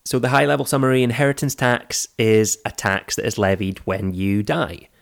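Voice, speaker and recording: A man with a croaky, froggy voice, hoarse from flu, presenting a podcast in a semi-scripted, explanatory way. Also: mid-range voice, little pitch movement, normal speed. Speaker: podcast host. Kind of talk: scripted personal finance podcast narration.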